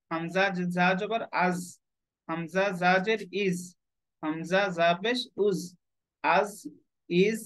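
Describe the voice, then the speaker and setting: A man teaching an online Quran reading lesson, drilling letter sounds in slow repeated patterns and asking questions that he then answers himself. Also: high voice, low-quality recording.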